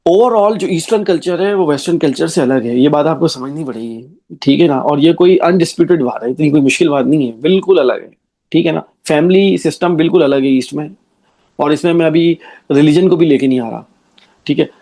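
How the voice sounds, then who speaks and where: A man's voice: on the high side, a little fast, warm tone. A man giving an explanatory commentary monologue, arguing his point with rhetorical questions and frequent check-ins to the listener.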